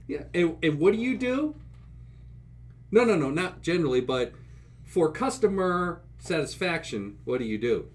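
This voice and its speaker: A man co-hosting a podcast, chatting casually and teasing his friend in a playful, animated way. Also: on the high side, normal speed. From United States. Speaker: podcast co-host. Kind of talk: casual banter.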